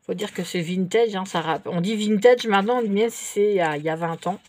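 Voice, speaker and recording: A woman in middle age, her voice sitting at a medium pitch, talks through a shopping haul of paper and stickers. She is chatty and relaxed, trailing off and correcting herself as she goes. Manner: chatty and unhurried, many fillers and self-corrections. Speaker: vlogger showing craft purchases. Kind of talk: casual show-and-tell haul.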